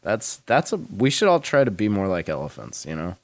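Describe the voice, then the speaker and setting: A man's voice: low voice, huge pitch swings, brisk, creaky, no echo. A man hosting a podcast in casual chat, laid-back and rambling, swearing and laughing often. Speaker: podcast host.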